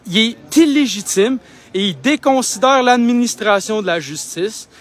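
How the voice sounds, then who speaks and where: An independent livestreamer from Quebec, a young man with a Québécois French accent, broadcasts a live street vlog on his phone outside a building. His high, slightly bright voice is animated and moves at normal speed as he argues in an indignant, insistent way.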